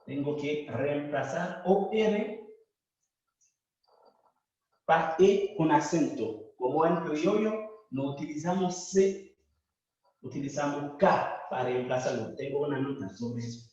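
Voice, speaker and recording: Slow, deliberate man teaching in an echoey room. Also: on the high side, a little mellow. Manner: slow, deliberate, repeats and spells out words. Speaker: language teacher. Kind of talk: classroom lesson. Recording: echoey room, distant mic, dull sound.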